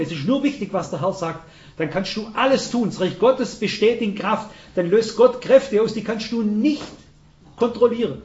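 A man's voice: high-pitched, a little mellow. An older man, preaching a sermon in an earnest storytelling way with emphatic rises. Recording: roomy, dull hall recording.

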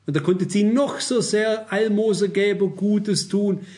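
A man's voice: high-pitched, unhurried, a little mellow. An older man preaching a sermon, earnest and warning, repeating phrases for emphasis.

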